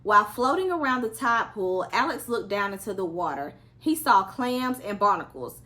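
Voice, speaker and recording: A woman's voice: mid-range voice, expressive, normal speed, sharp tone. A woman reading a children's story aloud as a storyteller, acting out the characters' lines expressively.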